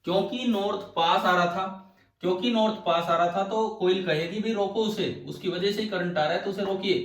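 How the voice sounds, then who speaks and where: A man's voice: high voice, fairly quick. A male physics teacher lecturing a class, explaining step by step and firing questions at his students. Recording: echoey room, from far off.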